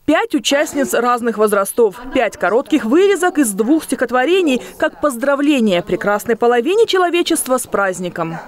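A woman's voice: fairly high pitch, expressive, moderate pace, hardly any pauses. A woman reading scripted news narration as a television reporter.

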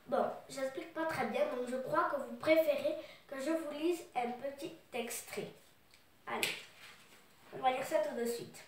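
A woman with a cold tells and reads a children's story in a high, slow voice, stopping often with fillers. She sounds far from the mic in a very echoey room. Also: slight background noise. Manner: loose, halting retelling with fillers. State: has a cold. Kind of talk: retelling and reading a children's book.

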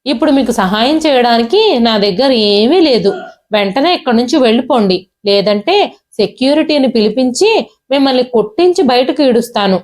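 Woman narrator as cruel rich son, harsh and dismissive, shouting, high-set voice. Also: animated, brisk, lightly acted. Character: arrogant cruel young man, a rich son.

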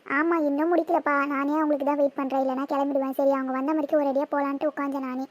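A woman voicing a chatty schoolgirl in a cartoon, quick and teasing. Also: high-pitched, level tone, natural voice. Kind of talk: cartoon voice acting.

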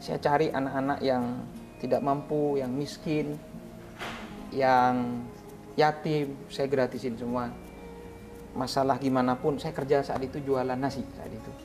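A man's voice: mid-range voice, level tone, unhurried, pauses often, over music. Earnest male preacher, emotional storytelling. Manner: earnest and heartfelt, drops to hushed asides, often addresses the host directly. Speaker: Islamic preacher and Quran school founder. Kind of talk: emotional personal storytelling in a podcast interview.

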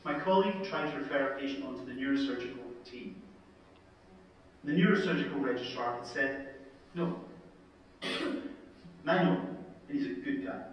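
A Scottish man, an emergency department consultant, telling a story in a talk with wry humour and punchy, dramatic pauses, played from a video into a conference hall. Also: mid-range voice, recorded from a distance, highs cut off. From Scotland. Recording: video played into an echoey hall, heard from afar.

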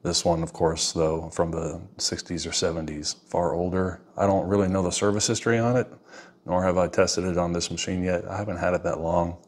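A man's voice: deep voice, flat delivery, brisk. A man giving a casual, rambling watch review at his desk, often calling the listener "man". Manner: laid-back, says "man" often, rambling asides. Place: indoors at a desk, off camera. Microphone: wireless clip-on mic.

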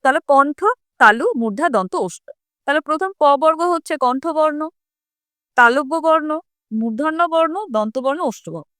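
A woman with a West Bengal Bengali accent teaches a language lesson in a high, clear voice. She keeps asking her students questions and then answers them herself, sounding out each vowel and consonant. The recording is dry and close. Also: normal speed, fairly bright tone, dry recording. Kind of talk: classroom lesson explanation.

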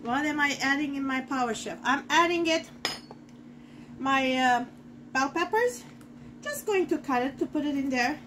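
A woman's voice: high-pitched, lively intonation, normal speed, pauses often, fairly bright tone, a little hiss or hum. A middle-aged woman giving a casual cooking demonstration in her home kitchen, chatting to viewers as she works. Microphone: fixed camera in front of the counter.

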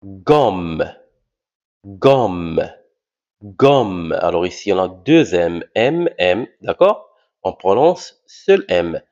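A man teaching a reading lesson, slowly sounding out letters and syllables and repeating each word three times. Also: sits low, sing-song, darkish tone. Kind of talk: slow classroom reading drill. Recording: dull lo-fi recording.

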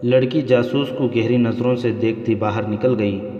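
A man narrating a historical novel aloud in a steady storytelling manner, in a dull, roomy recording. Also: mid-range voice.

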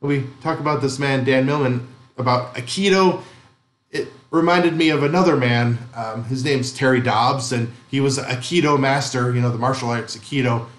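A man's voice: medium pitch, normal speed, roomy sound. A male pastor giving a conversational sermon, asking the congregation questions and adding light humor. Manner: conversational, gently humorous preaching with rhetorical questions. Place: church sanctuary.

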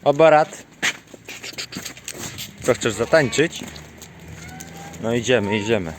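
A man talks casually outdoors in his farmyard, recording on a handheld camera as he walks around. He chats to the viewers and to his animals, scolding them and calling them in with a raised voice. His voice sits at an ordinary middle pitch, with a faint background hiss. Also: slow. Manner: chatty, scolds and coaxes animals, calls them in a high voice. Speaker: farm vlogger. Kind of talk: casual chat while feeding animals.

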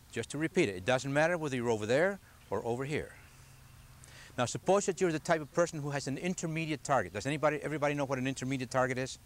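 An older man teaching a golf clinic outdoors, patiently asking the group questions as he explains. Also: mid-range voice. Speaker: golf instructor. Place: outdoors on a grassy driving range. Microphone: camcorder from a distance.

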